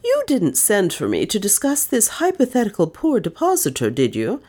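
A woman's voice: medium pitch, huge pitch swings, normal speed, dark tone, voice pushed up. A woman voicing a foppish young man about town who speaks in a light, careless, airy way. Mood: breezy.

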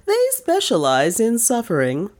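A woman's voice: mid-range voice, wildly swooping pitch, measured pace, darkish tone, pitched above the performer's own voice. Woman playing a careless young dandy for an audiobook, airy and offhand. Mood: breezy. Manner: light, breezy, careless. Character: foppish young man about town, airy and heartless.

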